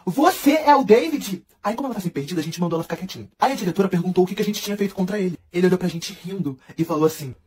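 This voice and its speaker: A teenage boy telling a funny school story in an animated, dramatic way. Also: sits high, breathy edge. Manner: animated, dramatic, rapid narration. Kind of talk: fast comic school storytelling.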